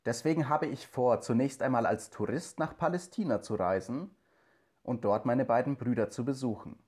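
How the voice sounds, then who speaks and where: A man reading in first person as an earnest teacher and cantor from the 1920s, in a calm, measured, scripted narration. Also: medium pitch, close to an everyday voice.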